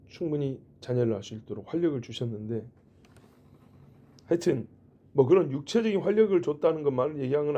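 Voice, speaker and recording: In a church, a middle-aged male pastor delivers a sermon conversationally, his mid-range voice mellow and husky. He poses rhetorical questions and slips in joking asides.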